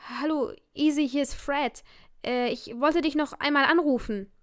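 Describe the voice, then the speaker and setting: A woman's voice: high-pitched, steady tone, normal speed, pitched above the performer's own voice, natural voice. A woman reading a lovesick young ex-boyfriend who pleads and whines in an audiobook. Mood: pleading. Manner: whining, pleading. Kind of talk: audiobook character voice.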